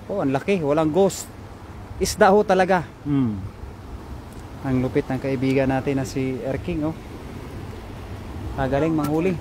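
A man live-streaming a fishing trip from a riverbank on a phone, chatting and giving shoutouts to viewers. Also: on the high side, moderate pace, pauses often, noisy background. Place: riverbank outdoors.

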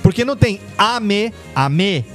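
A man's voice: high voice, animated, slow pace, soft background music. A man on a casual podcast, eagerly explaining and sounding out foreign words. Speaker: podcast guest.

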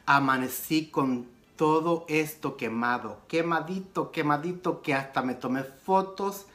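A man telling a personal story in a casual makeup vlog, animated and mixing in English phrases. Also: a little slow. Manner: animated retelling with sudden pitch jumps. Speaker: beauty vlogger.

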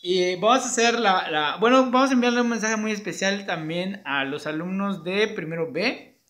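A man's voice: high voice, moderate pace, bright, forceful tone. Playful chatty male teacher. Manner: playful, chatty, laughs easily. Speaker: schoolteacher. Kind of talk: casual chat with a puppet.

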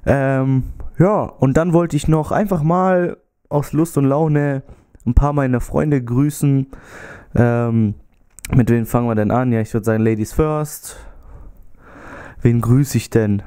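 This young man, a YouTuber in early adulthood, has a slight cold and takes things slowly in a warm, clean mid-range voice. He rambles casually with lots of fillers in a vlog chat, gesturing while talking into a close-held handheld mic in a small bedroom fitted with a TV and gaming setup.

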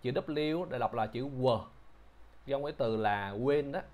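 A man teaching English pronunciation, who repeats each word slowly and patiently explains how to shape the mouth. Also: medium pitch, lo-fi sound. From Vietnam. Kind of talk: pronunciation lesson.

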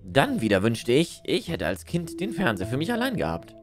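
A woman's voice: a bass voice, wildly swooping pitch, fairly quick, music in the background. A woman livestreaming a video game, reading the text aloud and adding playful, muttered casual commentary.

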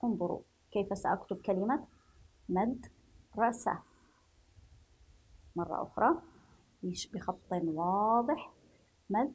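A woman from Yemen teaching a reading lesson to young children, speaking slowly and spelling sounds out clearly while asking the class questions. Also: mid-range voice, darkish tone, low-quality recording. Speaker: primary school teacher.

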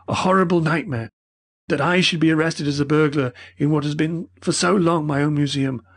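A man voices an old male professor, speaking at medium pitch in a husky, breathless, earnest and pleading manner.

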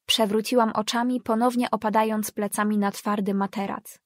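A woman reading a novel as a first-person audiobook narrator, measured and even. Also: medium pitch, dry recording, studio quality.

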